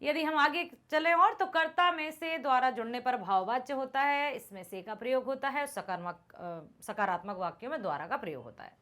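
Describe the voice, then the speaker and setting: A woman's voice: high voice, expressive, a little fast, few pauses, sharp tone. A woman teaching a grammar lesson, explaining patiently and often checking that students follow.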